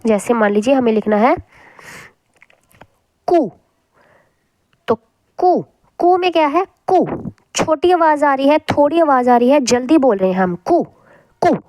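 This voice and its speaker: Slow, high-voiced woman teaching spelling. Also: a little mellow, no echo. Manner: patient, repeats words slowly to show sounds. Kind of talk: classroom lesson on spelling.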